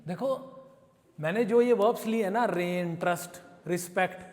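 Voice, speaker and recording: A man's voice: high voice, normal speed, darkish tone, big-room sound. Indian man teaching English in a class. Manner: explains in Hindi with English example sentences, checks with students. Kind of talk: classroom lesson. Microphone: camera recording the class.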